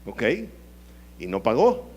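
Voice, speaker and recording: A man, preaching a sermon and drawing answers from the congregation, at times rising into a high, pleading voice. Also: huge pitch swings, slow, mellow, lo-fi sound. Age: 50s. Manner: call-and-response with the congregation; dramatic swings into high pleading voice. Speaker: pastor.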